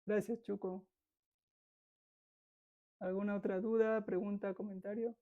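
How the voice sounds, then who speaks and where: A woman's voice: medium pitch, little pitch movement, a little slow, phone-quality sound. A woman, patiently lecturing a yoga philosophy class and demonstrating pronunciation.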